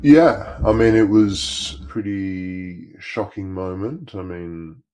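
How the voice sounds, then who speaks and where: Man with a disguised, altered deep voice. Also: slow pace, a little mellow, faint music behind. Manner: hesitant, repeats words and restarts. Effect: voice electronically altered to disguise identity, deep. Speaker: interviewee, former employee. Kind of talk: casual recollection in an interview.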